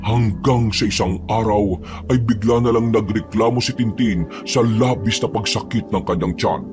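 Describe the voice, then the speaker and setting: A man narrating a horror story in a steady, grave manner. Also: on the low side, normal speed. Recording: narration over loud music.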